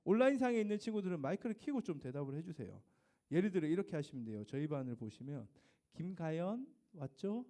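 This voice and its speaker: A man's voice: a little high, big pitch swings, racing, warm tone. A man teaching a youth group, leading a church service over a video call with a playful, teasing manner and frequent laughter.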